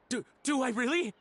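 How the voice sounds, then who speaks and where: A man's voice: very high voice, a bit bright, exaggerated voice. An actor voicing a nervous young male suspect in a video game, stammering and anxious.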